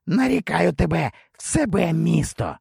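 A male audiobook narrator voicing a proud, angry older grand prince who speaks in a gruff, resentful way. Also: fairly high pitch, very animated, measured pace, a little mellow, no room sound, clean studio sound, pitched above the performer's own voice, heavily acted. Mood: grudging. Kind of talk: audiobook character voice.

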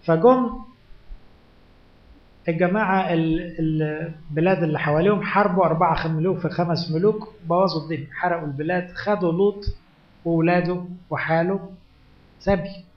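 Egyptian priest preaching in an echoey hall. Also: male voice, high-pitched, fairly quick, pauses often. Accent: Egyptian Arabic. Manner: preaching through rhetorical questions and dramatic retellings. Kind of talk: sermon. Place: conference hall. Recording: echoey hall, dull lo-fi conference tape.

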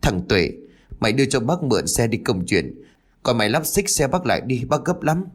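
A man's voice: mid-range voice, sing-song, husky. A man voicing a harried, impatient middle-aged village chief in a spoken ghost story. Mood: hurried. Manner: hurried, pressed for time.

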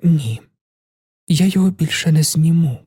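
A man's voice: a little high, normal speed, mellow, slightly rough, no echo, studio quality, voice pushed up. A man reading a novel aloud, voicing a proud, cold young woman in a raised voice with a cool, mocking manner.

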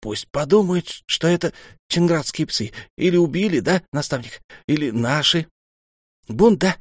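A man's voice: a little high, measured pace, no room sound, clean studio sound, voice pushed up. Man putting on an eager young zealot acolyte. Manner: excited, breathless whisper.

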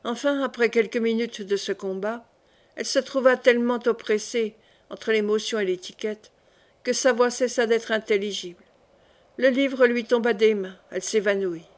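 A woman reading a classic novel aloud as an audiobook narrator, in a measured, clear way. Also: on the high side. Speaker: audiobook reader.

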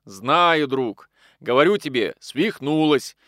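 A man reading an audiobook and voicing a boisterous, loud friend who exclaims and jokes. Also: mid-range voice, lively intonation, no echo, clean studio sound. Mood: gossipy. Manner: exclaiming, boisterous, fast-shifting.

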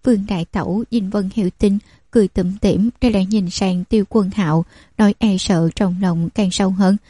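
A woman narrating an audiobook with steady, even storytelling. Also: medium pitch, fairly quick, slightly rough, dry recording.

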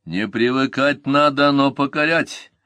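A man's voice: medium pitch, big pitch swings, a little slow, a bit bright, no echo, exaggerated voice. A man voicing a stern ancient general who presses his men with demanding questions, in an audiobook reading. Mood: harsh. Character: stern male Carthaginian general, commanding.

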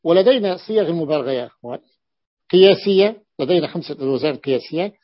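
A man teaching Arabic morphology in a classroom lesson, often repeating terms and pausing on drawn-out fillers. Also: on the high side, lively intonation. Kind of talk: classroom lesson explaining a text. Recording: dull lo-fi lesson recording.

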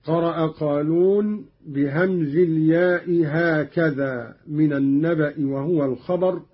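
A middle-aged man with a husky voice explains recitation variants, slowly reciting each example, in an old radio lesson recording. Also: on the high side, fairly even intonation, highs cut off. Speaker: Quran recitation teacher.

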